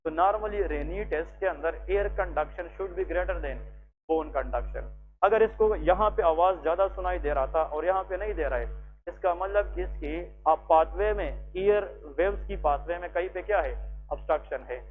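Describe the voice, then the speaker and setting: A man with a Pakistani accent teaching a clinical skills lesson, explaining each step and checking with quick questions. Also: high-pitched, faint music behind. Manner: explains step by step, mixing English terms, checks with rhetorical questions. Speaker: medical lecturer. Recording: tinny lo-fi with faint hum.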